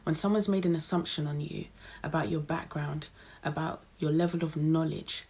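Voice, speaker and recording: A woman's voice: sits low, steady tone, normal speed, darkish tone, husky. A woman giving earnest advice in a reflective interview. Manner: earnest, advising.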